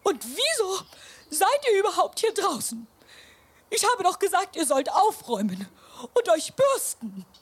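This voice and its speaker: A woman's voice: very high voice, wildly swooping pitch, measured pace, heavily acted. Woman voicing a prim old grandmother mouse. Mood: defensive. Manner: stammering, breathy, half-whispered.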